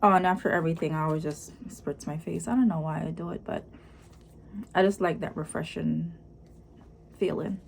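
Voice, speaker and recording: A woman with a Jamaican accent chatting casually in a vlog, explaining things as she goes in an unhurried, conversational way. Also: low voice. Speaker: vlogger. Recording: clearly noisy room ambience.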